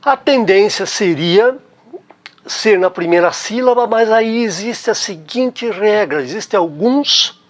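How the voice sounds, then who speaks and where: Unhurried male teacher with a Brazilian accent; patient, repetitive, explanatory lesson delivery. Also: high voice, lively intonation. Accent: Brazilian Portuguese. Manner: patient, repeats key words, checks in with tag questions. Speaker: German teacher.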